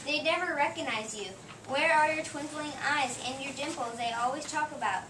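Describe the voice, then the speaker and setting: A scolding, motherly Mrs. Claus, as a woman reads her, fussing nonstop. The high voice is heard from afar in a roomy space with noise behind it. It is an amateur play reading. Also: moderate pace, natural voice. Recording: echoey room, distant mic, noise.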